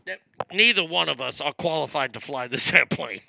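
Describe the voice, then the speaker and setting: A man's voice: on the high side, expressive, moderate pace, gravelly, pushed and bright, no room sound, voice pushed down, exaggerated voice. A man putting on a male airline captain who makes a hesitant announcement over the intercom, stalling with uh's. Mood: sheepish.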